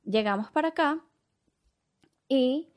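Lively young Venezuelan woman telling stories. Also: high voice, takes it slowly. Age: 20s. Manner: lively storytelling, acting out family members' lines. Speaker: podcast guest. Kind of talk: casual chat.

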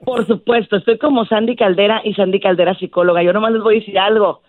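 A woman's voice: mid-range voice, fairly even intonation, fast talker, narrow, tinny audio. A Mexican woman, a psychologist guest on a radio show, giving firm, preachy relationship advice in casual talk. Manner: firm, preachy advice addressing listeners as "señores".

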